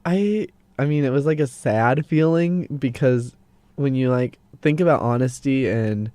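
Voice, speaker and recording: A man's voice: medium pitch, measured pace, mellow, no room sound. A young man co-hosting a casual podcast. He talks earnestly and hesitantly, often restarting his sentences as he explains. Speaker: podcast co-host. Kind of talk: casual chat.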